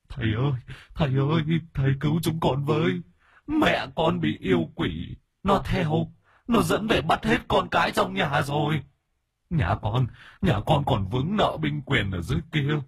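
A man's voice: on the high side, lively intonation, unhurried, breathy edge, no echo, studio quality, voice pushed up, full character voice. A man voicing the ghost of a middle-aged man speaking through a possessed woman, shrieking and pleading in terror. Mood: panicked pleading.

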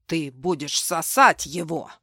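A woman's voice: sits low, slow, a bit bright, husky, dry recording, voice pushed down, heavily acted. A woman narrator doing an unhinged, vengeful man in an audiobook, snarling and barking threats. The read is close and dry, with no room sound around it. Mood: brutal. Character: vicious vengeful male ex-husband, unhinged. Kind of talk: audiobook dialogue.

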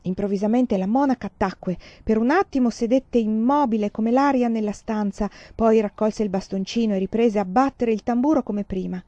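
A woman reads a novel aloud with a measured, expressive storytelling manner. Her voice is dark and mellow. The recording is dry and somewhat dull. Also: on the high side, no room sound. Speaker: reader. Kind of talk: audiobook reading of a novel.

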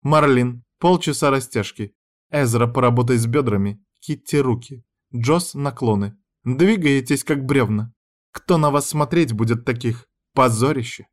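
A man voicing a strict, cold woman who teaches dance, scolding her pupils in a raised, sharp voice. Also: medium pitch, a little slow, pitched above the performer's own voice, natural voice.

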